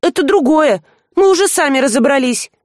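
A woman reading an audiobook voices a jumpy, easily flustered young woman in a shrill, indignant tone. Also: lively intonation, a little fast, darkish tone, dry recording, clean studio sound.

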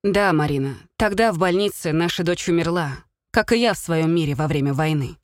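A woman's voice: lowish voice, a little fast, no echo, clean studio sound, close to an everyday voice. A woman reading a blustering middle-aged father, a former soldier, who blurts and pleads with his wife. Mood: sheepish.

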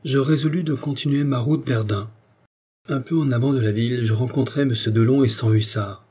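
Brooding aristocratic officer, read by a man, steady and mellow. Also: medium pitch, a little fast, breathy edge, lightly acted. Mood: melancholy. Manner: calm, firm and melancholy. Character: grave, brooding nobleman officer, male, middle-aged.

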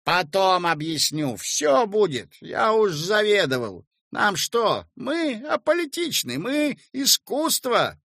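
A man voicing a curt, excitable male writer who brushes off every worry. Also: sits high, slow pace, dry recording, studio quality, voice pushed up. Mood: brash. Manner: curt, dismissive, brash. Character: gruff excitable male writer, loud and boastful.

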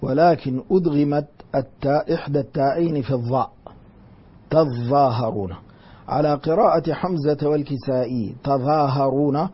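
A man teaching a Quranic exegesis lesson, methodical, repeating key words slowly to explain the readings. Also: on the high side, steady tone, slightly rough, highs cut off.

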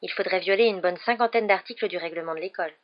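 A woman's voice: lowish voice, fast talker, close to an everyday voice. A clever schoolgirl from a storybook, careful and earnest as she lays out her plans, as a woman reading aloud voices her. The recording is dull and lo-fi.

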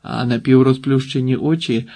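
A man reading a literary audiobook in a calm, measured narrating voice. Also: medium pitch, creaky.

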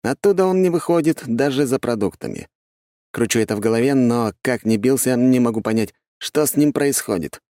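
A man narrating puts on a brisk, loyal investigator with a swinging, animated voice. He leans hard on his words and stays loyal but blunt. The sound is dry and close. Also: medium pitch, no echo, voice pushed up, lightly acted. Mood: puzzled. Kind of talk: audiobook character voice.

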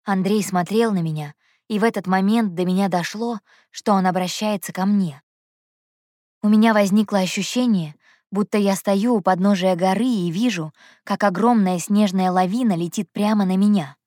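A young woman narrating an audiobook in the first person, telling the story in a lively, expressive way. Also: mid-range voice, normal speed, no room sound, clean studio sound.

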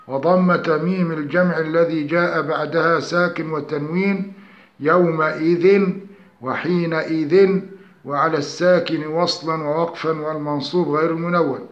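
A man teaching the rules of Quran recitation in a structured, methodical way, reciting example verses slowly. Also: on the high side, fairly bright tone. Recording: echoey room, dull lo-fi sound.

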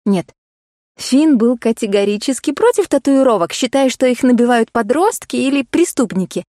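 A woman narrating a first-person romance novel in an expressive, dramatic reading. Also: on the high side, moderate pace, no echo, clean studio sound. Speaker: audiobook narrator.

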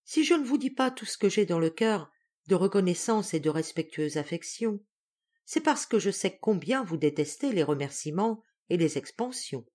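A woman's voice: fairly low pitch, lively intonation, normal speed, a little mellow. A woman voicing a loyal, devoted former soldier who answers his master politely in an audiobook. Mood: respectful. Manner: respectful, polite.

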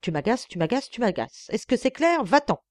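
A woman voicing a rich, scornful wife who screams hoarse insults at her husband in a dry, close recording. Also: lowish voice, animated, moderate pace, darkish tone, dry recording, lightly acted. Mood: exploding. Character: shrill furious rich wife, scornful, explosive.

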